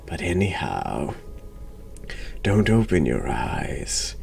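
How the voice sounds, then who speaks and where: A streamer hosting a horror game playthrough speaks in a very deep, gravelly, darkish voice, slow and halting, congested with a cold and dropping into whispers. Though hushed in ASMR style, his game commentary and read-aloud narration are very animated, with a little hiss or hum on the recording.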